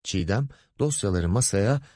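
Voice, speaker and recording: A man reading an audiobook as narrator, in a measured storytelling delivery. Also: on the low side, expressive, darkish tone, no echo, studio quality. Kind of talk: scripted narration.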